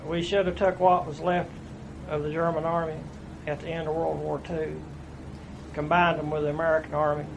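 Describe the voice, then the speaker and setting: In an oral history interview, a veteran in his fifties with an East Tennessee accent tells his life story plainly, in a folksy way with restarts. His voice sits on the high side with a flat delivery, normal speed, and vocal fry. The recording is muffled and picks up a noisy room.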